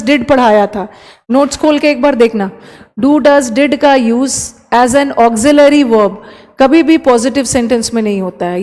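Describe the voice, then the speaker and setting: High-voiced woman teaching a grammar class. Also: darkish tone, in a large hall. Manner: explains in Hindi, reads English sentences slowly and deliberately. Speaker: English teacher. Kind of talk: online class lesson.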